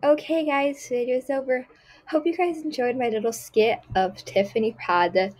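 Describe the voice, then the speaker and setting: A woman's voice: high voice, moderate pace, a little mellow, low-quality recording. A woman YouTuber casually wrapping up her role-play video with a light, chatty sign-off to her viewers.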